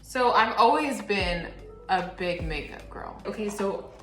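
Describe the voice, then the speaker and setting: A woman's voice: medium pitch, expressive, a little slow. A woman co-hosting a casual chat while doing her makeup, talking candidly and filling her speech with "like". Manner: candid, chatty, lots of "like" fillers. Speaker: co-host, post-op. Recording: echoey room with background music.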